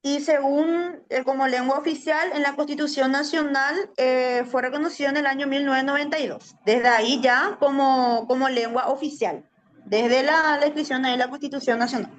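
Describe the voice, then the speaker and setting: As a radio interview guest, this Paraguayan woman who teaches Guaraní explains things patiently, regularly tacking on "¿verdad?". Her voice sits high with fairly even intonation at normal speed, her accent Paraguayan Spanish, and the audio has a little hiss or hum.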